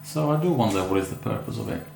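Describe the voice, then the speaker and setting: A man with an Italian accent talks through an orchid unboxing in a hesitant, chatty way, full of fillers and restarts. His voice sits low and gravelly. The room is echoey, with faint ambient noise behind him. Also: expressive, quick pace, darkish tone. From Italy. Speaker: orchid grower. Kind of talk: casual unboxing vlog.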